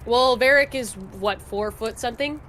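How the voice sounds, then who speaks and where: A woman's voice: a little high, moderate pace, a bit bright, a little hiss or hum. A woman narrating as game master of a tabletop game, loose and profane, laughing often.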